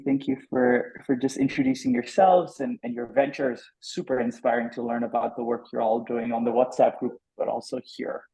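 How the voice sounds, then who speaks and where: A man from Nepal hosts a course over a video call. His voice is dark, gravelly and a bit husky. He sounds upbeat and thankful, with small restarts. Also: medium pitch, low-quality recording. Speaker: course facilitator. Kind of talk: casual video-call hosting.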